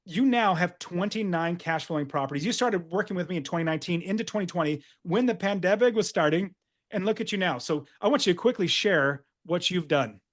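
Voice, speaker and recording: A man's voice: high-pitched, animated, brisk. Upbeat coach, man with a lightly raised voice. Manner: upbeat, emphatic, salesy. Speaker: real estate investing coach. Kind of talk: webinar sales presentation.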